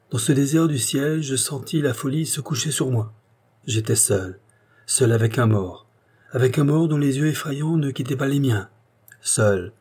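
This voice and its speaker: A man's voice: mid-range voice, a little mellow, slightly rough. A man reading a dramatic first-person story aloud, intense and rising to anguished outbursts. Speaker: audiobook reader.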